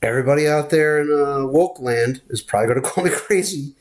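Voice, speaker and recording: A man's voice: a little high, fairly quick. A man co-hosting a pop culture podcast, talking in a rambling, opinionated way. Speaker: podcast co-host. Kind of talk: casual chat.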